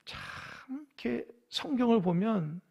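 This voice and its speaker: A man's voice: very high voice, animated, slow pace, vocal fry, darkish tone, slightly rough. A man preaching a sermon at a midweek church service, talking conversationally, asking the congregation questions and acting out biblical figures. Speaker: pastor. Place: church sanctuary.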